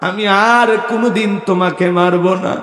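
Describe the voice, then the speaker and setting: Preacher doing a crying sorry son, begging, big hall echo. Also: male voice, high-pitched, fairly even intonation, brisk. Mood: pleading. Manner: tearful pleading. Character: remorseful young son, weeping and begging. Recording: echoey hall over loudspeakers.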